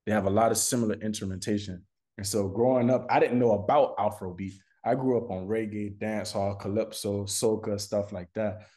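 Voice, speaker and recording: Brisk and dark-toned, his lowish voice stays fairly even. The American recording artist from Florida talks casually in an interview, leaning on slang and saying phrases again for emphasis.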